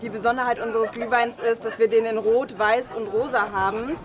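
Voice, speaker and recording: A woman's voice: fairly high pitch, fairly even intonation, fairly quick. A woman representing a market, explaining its drinks in an interview at a busy outdoor market. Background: crowd chatter and music.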